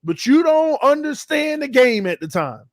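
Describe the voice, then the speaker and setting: A man hosting a fan talk show, fired up and shouting as he rants. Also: very high voice, sing-song, normal speed, dry recording, studio quality. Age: 30s. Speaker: fan channel host.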